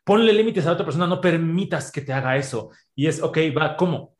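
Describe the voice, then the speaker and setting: A man with a Mexican accent in a podcast conversation, explaining ideas with everyday examples in an animated way. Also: a little high, fast. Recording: roomy echo.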